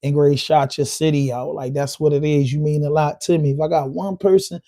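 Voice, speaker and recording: A man hosts his own livestream podcast, riffing loosely to the chat. His voice sits a bit high for a man and has a dark, mellow tone. He talks in a heated, emphatic way, circling back to repeat his points. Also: steady tone, fairly quick. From Baltimore. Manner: heated, repetitive, emphatic street talk. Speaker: podcast host. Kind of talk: live-stream commentary.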